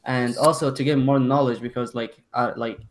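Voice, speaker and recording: Teen boy from Syria, flat voice. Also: mid-range voice. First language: Arabic. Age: teens. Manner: halting, many "like" fillers, self-corrections. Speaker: student panelist. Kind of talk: telling his story on a panel.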